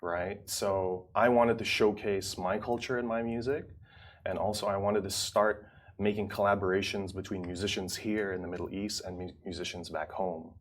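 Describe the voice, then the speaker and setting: A man from Indonesia, a musician being interviewed, talks in a low register. He chats in a relaxed, rambling way and keeps filling pauses with "like" and "you know.". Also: slight background noise. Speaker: musician guest. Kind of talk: casual interview chat.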